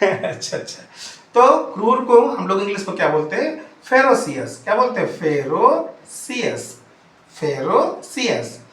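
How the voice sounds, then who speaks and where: Male tutor, lively voice, spells words out slowly, recorded a bit off-mic in an echoey room. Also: high-pitched. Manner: spells words letter by letter slowly, keeps asking "right?". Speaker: English teacher. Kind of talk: classroom vocabulary lesson. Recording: roomy sound from some distance off the mic.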